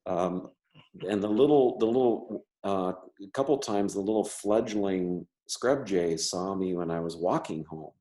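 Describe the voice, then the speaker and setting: Slow, deep-voiced man who stutters. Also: mellow. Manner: stutters, with repeated words and restarts. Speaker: member artist; teacher. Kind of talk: casual interview talk.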